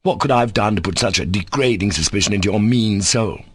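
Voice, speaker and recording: A man doing a furious, shouting young nobleman. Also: on the low side, quick pace, slightly rough, dry recording. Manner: shouting, peremptory.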